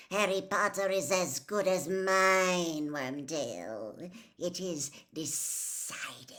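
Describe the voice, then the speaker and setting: A woman voicing a cold, menacing male dark lord in a storybook reading, with slow, commanding, drawn-out delivery. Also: on the low side, exaggerated voice.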